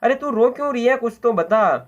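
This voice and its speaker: A man's voice: extremely high pitch, lively intonation, fairly quick, highs cut off. A man voicing a caring mother bird in a storybook lesson, asking soothing questions.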